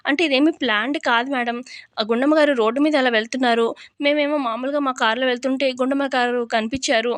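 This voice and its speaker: A woman's voice: high-pitched, fairly even intonation, fast, a bit bright, no echo. Woman doing cowering male thugs. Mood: insistent. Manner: pleading, insistent.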